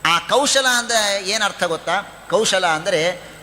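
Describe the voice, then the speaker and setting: A man's voice: sits high, slow, bright, forceful tone, long reverb tail, a little hiss or hum. A man giving a devotional scripture discourse, telling the story in his own words, acting out its dialogue and chanting Sanskrit verses. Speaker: pravachan speaker.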